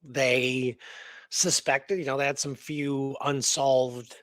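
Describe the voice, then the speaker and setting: A male co-host of a history talk show narrates a true story slowly, in a mid-range, slightly bright voice with little pitch movement. He reads his notes aloud with emphasis and adds casual side comments in a conversational radio manner. The recording is dry.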